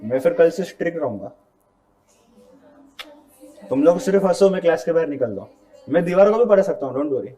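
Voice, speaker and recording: A man's voice: a little high, animated, brisk, long pauses, warm tone. A male teacher giving a classroom grammar lecture, talking casually and often checking that students follow along. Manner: conversational, mixes English terms into Hindi, asks students to confirm.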